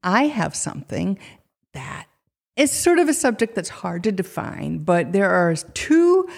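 A woman's voice: mid-range voice, very animated, a little slow, creaky. A woman from the United States co-hosting a casual chat, chatty and playfully teasing. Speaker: podcast co-host.

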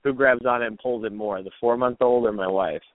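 A man's voice: mid-range voice, fairly even intonation, a little fast, no room sound. Casual man on a tinny phone line. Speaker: guest caller. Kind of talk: casual chat. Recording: dry, tinny phone-like call.

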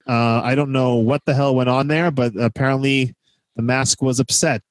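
A man hosting a casual film review chat, recapping in an animated way and stressing key words. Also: medium pitch, moderate pace, no room sound. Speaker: podcast host.

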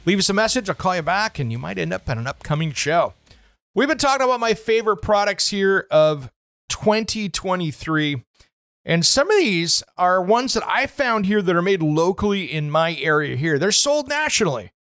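A man's voice: sits high, moderate pace, no room sound, clean studio sound. A man hosting a home improvement radio show, talking casually about products with plenty of fillers. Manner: chatty, relaxed, many "uh" fillers. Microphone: studio microphone.

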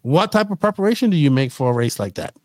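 A man's voice: fairly high pitch, very animated, quick pace, dry recording. A man hosting a podcast, chatting casually and eagerly pressing his guest with questions. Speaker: podcast host. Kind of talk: casual interview chat.

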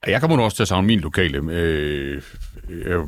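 Deep-voiced hesitant man in his fifties. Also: animated, no room sound. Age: 50s. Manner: hesitant, many fillers, dry humor. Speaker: panel guest. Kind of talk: casual talk-show chat.

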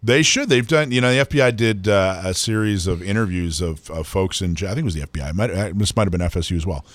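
A man's voice: low voice, quick pace, no echo. A man co-hosting talk radio in casual chat, stressing and repeating his points. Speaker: radio show co-host.

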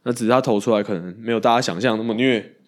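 Animated man chatting baseball. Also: medium pitch, racing. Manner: animated, laughing and casually swearing. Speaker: podcast co-host. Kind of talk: casual baseball chat.

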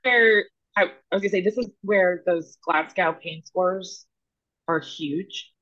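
A woman who is a veterinary technician, cutting into a casual podcast conversation with quick restarts. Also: on the low side, fairly bright tone. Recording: dull lo-fi dry sound.

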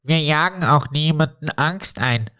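A woman voicing a humble, sad male donkey, speaking low and soft. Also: expressive, measured pace. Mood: meek.

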